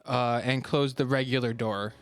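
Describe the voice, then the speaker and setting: A man talks casually as a tabletop player, restarting his sentences and laughing along. His voice sits at an ordinary middle pitch. Faint music plays underneath. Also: steady tone, moderate pace. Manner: hesitant, full of restarts, laughs. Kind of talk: casual tabletop game chat.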